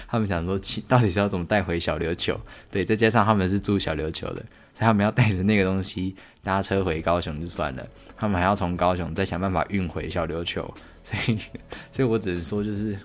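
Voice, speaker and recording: A young man, casually telling family holiday stories on his podcast, rambling and correcting himself. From Taiwan. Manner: rambling, self-correcting, acts out family voices in high squeals. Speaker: podcast host. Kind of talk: casual solo podcast storytelling.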